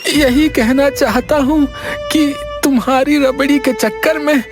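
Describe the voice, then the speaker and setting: A voice actor playing a dim-witted, whiny village husband in a cartoon, talking in squeaky, drawn-out complaints. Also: fairly even intonation. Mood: silly, whiny. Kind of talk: Hindi cartoon dubbing. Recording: background music under voice. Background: cartoon background music.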